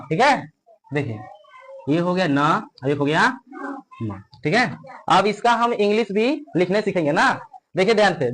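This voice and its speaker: A woman teaching a lesson for children, who talks slowly, repeats every point and asks questions and answers them herself. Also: medium pitch, slight background noise. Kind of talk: classroom-style lesson for children.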